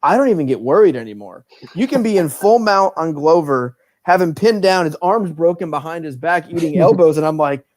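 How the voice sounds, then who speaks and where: A man co-hosting a podcast, giving a lively, swearing breakdown of an upcoming fight and acting out announcer calls. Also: on the high side, a little fast, hardly any pauses, no echo. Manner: animated, acts out announcer calls, swears freely. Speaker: podcast co-host. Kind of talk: casual fight-analysis chat.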